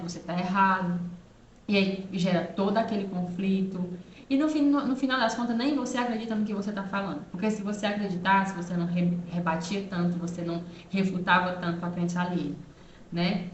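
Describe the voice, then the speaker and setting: A woman's voice: medium pitch, reverberant, dull audio, slight background noise. A woman hosting her own channel, talking earnestly and directly to the viewer in a casual personal monologue, full of rhetorical asides. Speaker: channel host.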